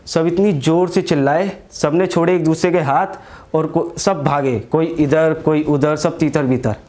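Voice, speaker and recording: A man's voice: on the high side, steady tone, a little slow, darkish tone. A young man doing stand-up comedy, telling a story in a crude, slangy way and acting out his friends' lines.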